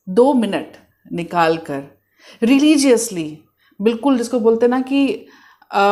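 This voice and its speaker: A woman with an Indian accent giving spiritual guidance, mixing Hindi and English, dropping to a slow soft hush for repeated prayer phrases. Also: mid-range voice. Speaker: spiritual healer.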